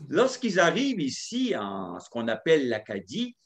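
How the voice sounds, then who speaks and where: A man's voice: on the high side, huge pitch swings, moderate pace. A man telling a homespun story in a sermon, repeating phrases and acting out the dialogue. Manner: homespun, repetitive, acts out the dialogue. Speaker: preacher telling a testimony.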